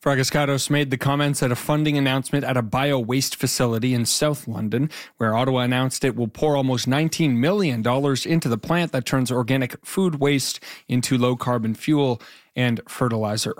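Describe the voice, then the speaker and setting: A man delivers a scripted radio newscast with measured, formal pacing. His voice sits at an ordinary male pitch and the studio sound is dry and close. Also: fairly even intonation, no room sound. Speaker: newsreader. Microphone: studio microphone.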